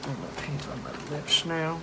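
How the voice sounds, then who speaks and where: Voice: mid-range voice, normal speed, creaky, background noise. A drag performer bantering casually backstage with a campy, theatrical, teasing manner. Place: backstage dressing room.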